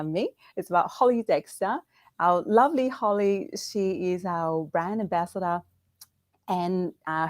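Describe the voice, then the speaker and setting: A middle-aged woman hosts a live online Q&A over a video call, her voice sitting a little low. She speaks hesitantly, with frequent fillers and restarts, and the sound is dry and close. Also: darkish tone, no echo. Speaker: brand founder and host.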